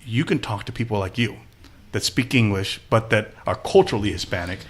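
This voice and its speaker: A man's voice: fairly low pitch, fairly quick, slightly rough. A man from Austin, Texas, a podcast guest telling stories in a casual interview and acting out the people he quotes. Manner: animated storyteller who acts out quoted people.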